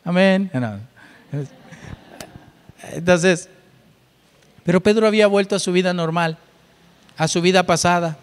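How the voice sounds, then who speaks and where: A man with a notably high voice delivers a sermon, moving from steady scripture reading to emphatic, rising exclamations. His words ring out with a long reverb, as if recorded in a large church hall. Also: unhurried, long pauses, clean tone. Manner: reads scripture then preaches, rising emphatically on key phrases. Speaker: pastor.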